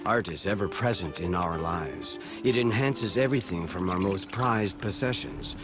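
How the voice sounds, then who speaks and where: A man's voice: low-pitched, close to an everyday voice. Leif the Lucky, a man playing a proud Viking. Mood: solemn, proud. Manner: solemn, measured first-person recollection. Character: proud adult male Viking farmer-explorer, son of Eric. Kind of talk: scripted documentary dramatization. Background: music.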